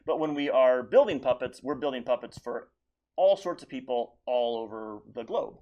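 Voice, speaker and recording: A man's voice: mid-range voice, lively intonation, normal speed, mellow, dull audio, slight background noise. An American man who builds puppets, explaining his work in a casual interview.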